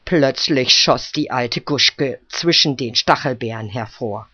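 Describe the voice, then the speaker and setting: A man reads a story aloud in a slow, wry and dramatic manner. His voice sits at an average height. The recording is dry and slightly muffled. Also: mid-range voice, bright, forceful tone, dry recording. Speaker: narrator. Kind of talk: storybook reading.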